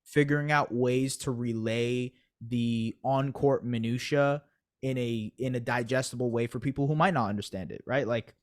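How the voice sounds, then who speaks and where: A young man talks through his thinking in a relaxed podcast chat. He circles back on himself, stacks up fillers and restarts, and pokes fun at himself as he goes. His voice sits at an ordinary middle pitch for a man. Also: moderate pace. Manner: thoughtful, self-deprecating, lots of fillers and restarts. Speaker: basketball analyst guest. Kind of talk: conversational podcast interview.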